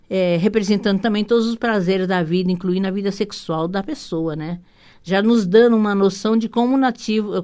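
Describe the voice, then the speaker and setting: Brazilian woman hosting radio astrology talk. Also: medium pitch. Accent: Brazilian Portuguese. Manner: rambling, warm asides with frequent "né?" tags; hurried, many restarts and repeated words. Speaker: radio show host and holistic psychotherapist.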